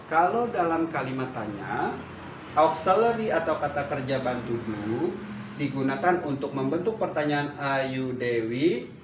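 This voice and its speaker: A man's voice: medium pitch, a little hiss or hum. A man teaching an English grammar lesson in a classroom, patiently drawing out example sentences. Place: classroom with a whiteboard. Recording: dull roomy sound from a distant mic.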